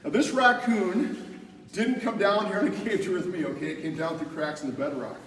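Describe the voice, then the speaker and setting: A man's voice: sits high, fairly quick, a crowd in the background. A man working as a cave tour guide, instructing a group and putting questions to them in an echoing cave. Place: inside a cave, group around. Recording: echoey cave, distant mic, faint noise.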